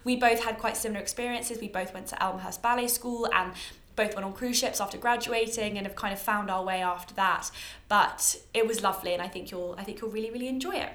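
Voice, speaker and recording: A woman's voice: mid-range voice, brisk, fairly bright tone. A British woman in her early twenties hosting a chatty podcast in an effusive, self-deprecating way, recorded at home under a towel. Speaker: podcast host. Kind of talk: chatty, informal podcast monologue. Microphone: own bought podcast microphone. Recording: echoey homemade podcast recording.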